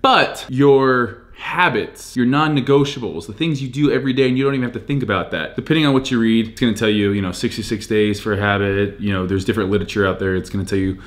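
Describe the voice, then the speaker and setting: A man's voice: fairly low pitch, quick pace, hardly any pauses. A man in his thirties, a fitness vlogger, talking casually and emphatically to a camera in a small indoor room, repeating key phrases for punch. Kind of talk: casual motivational talk to camera.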